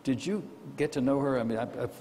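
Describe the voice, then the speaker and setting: A man's voice: mid-range voice, fast, dark tone, a little hiss or hum. A man moderating a panel, asking conversational questions. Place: lecture hall. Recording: reverberant hall, faint ambience.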